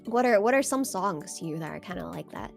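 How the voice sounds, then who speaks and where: A woman's voice: mid-range voice, expressive, a little fast, gravelly. A woman chatting casually on a livestream in a playful, giggly, bubbly anime-streamer manner, with music behind her. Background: background music.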